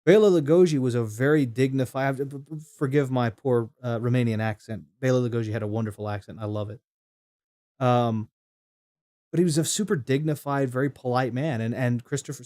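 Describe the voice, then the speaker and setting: A man with a medium-pitched, dark voice streams a game, chatting casually and rambling through his opinions. He restarts often and reads chat comments out loud.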